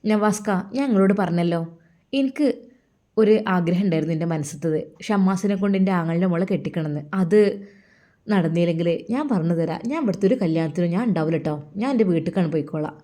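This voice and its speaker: A woman's voice: lowish voice, fast talker, dark tone, close to an everyday voice. A woman voicing an angry, stubborn sister-in-law who scolds and threatens. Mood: sulky.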